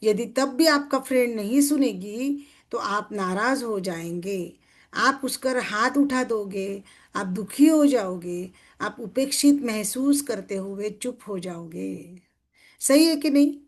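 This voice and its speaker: A woman's voice: medium pitch, lively intonation, slow pace. A middle-aged woman, leading a motivational workshop as a success coach. She keeps asking her listeners questions, checks that they agree, and acts out everyday scenes in quoted speech. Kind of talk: motivational group workshop talk.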